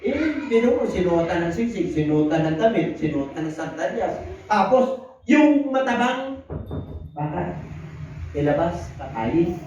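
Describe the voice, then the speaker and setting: A man preaching a sermon, animated, mixing in English and laughing often. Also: high voice, unhurried. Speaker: pastor. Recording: echoey church hall from far off, dull sound.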